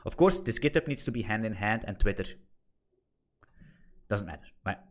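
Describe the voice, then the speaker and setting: In an informal online screen-share class, a thirty-something Dutch-speaking instructor talks at normal speed with a fairly low pitch and lively intonation. He's blunt, swears, and says things more than once to drive them home.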